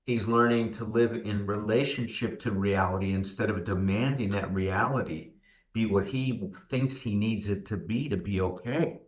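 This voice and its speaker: A man co-hosting a podcast, calmly reflecting and explaining ideas. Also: fairly low pitch, moderate pace. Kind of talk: casual podcast discussion. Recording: roomy echoing room sound.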